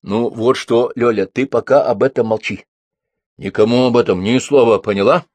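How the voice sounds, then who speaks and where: A man's voice: mid-range voice, moderate pace, a little mellow, dry recording, lightly acted. A man reading the part of a stern young Komsomol boss who scolds and lectures. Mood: scolding.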